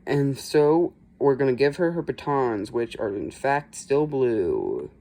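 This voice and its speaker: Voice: mid-range voice, very animated, takes it slowly, mellow. A host talking through a casual building tutorial in a chatty, rambling way, full of "like" and "um" and restarting sentences mid-thought. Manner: chatty, rambling explanations with fillers and self-corrections. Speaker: toy building channel host.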